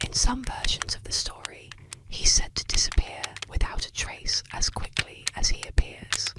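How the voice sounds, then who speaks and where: A soft, breathy whispered ASMR narration of eerie folk legends, delivered slowly and soothingly to help listeners sleep. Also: rough recording.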